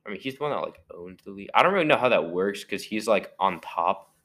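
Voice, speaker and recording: A man's voice: lowish voice, expressive, quick pace, fairly bright tone. A young man co-hosting a casual sports podcast, talking loosely with many fillers and a mocking edge. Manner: rambling, filler-heavy, mocking. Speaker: podcast co-host. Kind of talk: casual chat.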